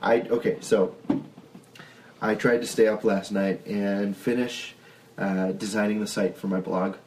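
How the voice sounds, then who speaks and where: A man's voice: lowish voice, steady tone, measured pace. Man, young adult, Buffalo New York accent, podcast co-host, casual rambling chat, frequent laughter, slight background noise. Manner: laughs often, rambling with restarts.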